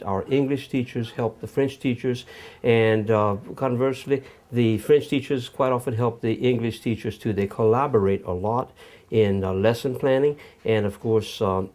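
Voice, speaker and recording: A middle-aged man with a fairly low voice. He answers interview questions as a school administrator, measured and halting, pausing often as he goes. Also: dark tone. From Louisiana, United States. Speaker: school assistant principal. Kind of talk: interview talk.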